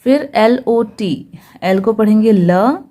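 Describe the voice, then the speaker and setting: Woman, English reading teacher, phonics lesson, slow, warm and mellow, patient, repeats each sound. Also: mid-range voice. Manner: patient, spells letter by letter and repeats. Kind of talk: phonics lesson, spelling out words.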